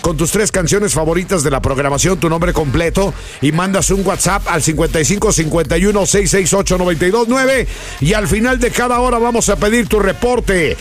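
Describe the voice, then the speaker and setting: A man's voice: high-pitched, fairly quick. A man with a Mexican accent hosting a morning radio show in a theatrical, sing-song, upbeat style.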